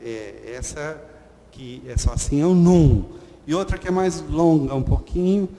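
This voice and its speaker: Slow patient teacher in a reverberant room. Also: male voice, on the high side, warm tone. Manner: slow, patient, repeats letter sounds, frequent "ok?". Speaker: Hebrew teacher. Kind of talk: online lesson at a whiteboard. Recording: long reverb and faint noise.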